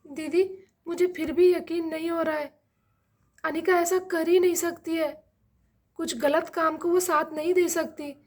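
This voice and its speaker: A woman voicing a gentle, worried mother-in-law in a doll-play drama, soft and pleading. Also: very high voice.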